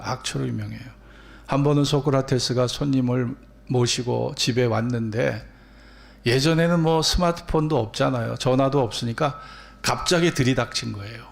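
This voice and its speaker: Gravelly man preaching a sermon. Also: medium pitch. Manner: repeats phrases, prods listeners with quick questions. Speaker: pastor. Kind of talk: Sunday sermon. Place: church sanctuary.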